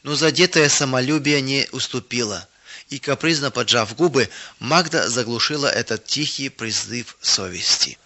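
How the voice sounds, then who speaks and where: A man calmly narrating a children's story in a steady, even reading voice. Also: mid-range voice, moderate pace. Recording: dull lo-fi recording.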